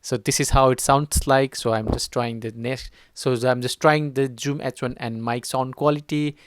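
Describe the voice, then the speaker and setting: A man demonstrating microphones in a casual video, explaining step by step with frequent restarts, his loudness jumping up and down from uneven auto gain. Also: mid-range voice, fairly even intonation, moderate pace, dry recording, studio quality. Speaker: gear reviewer. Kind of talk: casual product demo. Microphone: wireless lapel mic and handheld recorder.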